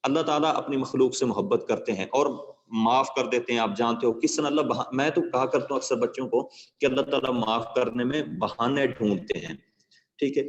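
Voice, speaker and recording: This mid-range male voice belongs to a teacher explaining a poem in class, quizzing students with rhetorical questions and offering moral stories while checking they understand. The recording has a big-room feel with the highs cut off.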